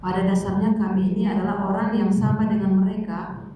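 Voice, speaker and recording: A woman's voice: medium pitch, flat delivery, a little fast, muffled recording. Woman teaching a youth bible class, echoey. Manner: conversational, calls on students to read. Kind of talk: bible study lesson. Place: church room. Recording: echoey room, mic far off, faint noise.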